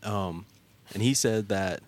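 Man, very deep voice, casual storyteller, filler-heavy, earnest. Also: slow. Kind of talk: casual chat.

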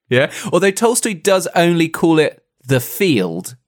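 A man's voice: a little high, wildly swooping pitch, slow. A man co-hosting a podcast, retelling a book in a playful, teasing, jokey way. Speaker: podcast co-host, reader. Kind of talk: casual podcast chat and retelling.

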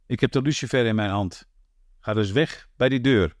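A man's voice: medium pitch, normal speed, no room sound, clean studio sound, close to an everyday voice. A man reading the part of a drunk, swaggering male tavern singer with a mocking manner. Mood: defiant.

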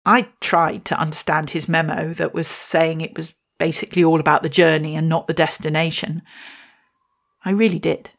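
A podcast host and poet, a woman with a low, gravelly voice, speaks at normal speed in a level tone. She tells a reflective personal story and reads her poem with wry, self-deprecating humour.

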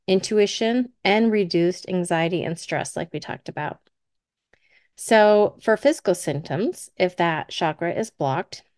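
A woman speaking as a Reiki healer and teacher, giving spiritual guidance in a soft, soothing, breathy manner. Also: fairly low pitch, no room sound. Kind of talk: spiritual wellness lesson and guided relaxation. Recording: close dry voice over faint music.

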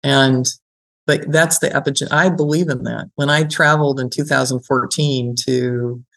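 This gerontology professor, a middle-aged woman, speaks in a steady bass voice with a slightly bright quality at a normal pace. Interviewed conversationally, she reflects, explains, and shares personal stories, often checking in with "right?" and "you know."

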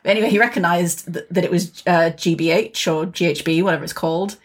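A woman's voice: lowish voice, steady tone, fast, breathy edge. A woman, co-hosting a podcast in a candid, chatty way, swearing freely. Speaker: podcast co-host. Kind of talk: casual chat.

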